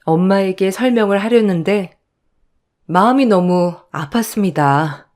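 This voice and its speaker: A woman's voice: mid-range voice, a little slow, darkish tone. A woman narrating a first-person radio story in a rueful, confiding manner.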